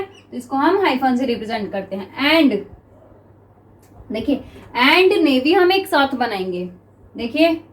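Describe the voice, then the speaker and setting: A woman with an Indian accent teaching shorthand to students, often checking if they understand and reading out sentences for dictation. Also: sits high. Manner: coaching tone, repeats "clear?" and "students" often. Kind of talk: classroom lesson with slow dictation.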